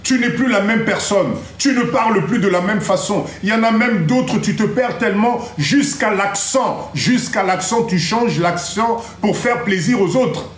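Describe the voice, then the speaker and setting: A man with a fairly high voice hosts a motivational live stream. He talks in an animated way, drops into Lingala, and mimics other people. The sound is roomy and echoey. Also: a little slow, few pauses. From Congo-Kinshasa. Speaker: live stream host giving motivational advice.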